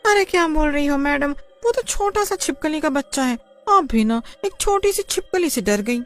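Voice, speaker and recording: A woman's voice: sits high, lively intonation, normal speed, soft background music. A woman voicing a female bystander at a school who brushes off a teacher with mild mockery. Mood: dismissive. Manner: brushing off, mildly mocking.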